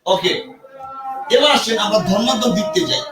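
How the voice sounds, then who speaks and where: A man teaching a live online grammar class, energetic, repeating points and quizzing his viewers. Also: sits high, fairly quick, roomy sound, loud music behind the voice, poor audio. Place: indoor room with a ceiling fan.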